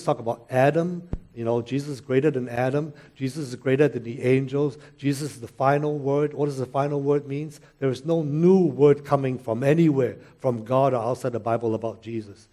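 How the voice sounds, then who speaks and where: Earnest older male pastor, mellow voice. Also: mid-range voice. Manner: earnest, questioning, with quoted asides. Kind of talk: sermon.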